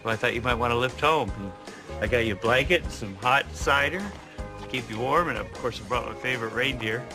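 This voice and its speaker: A man playing a teasing Santa's workshop owner, mid-pitched voice, music underneath. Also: fairly quick, close to an everyday voice. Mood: playful. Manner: playful, excitable, teasing. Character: jolly middle-aged man who runs a Santa's workshop. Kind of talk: film acting.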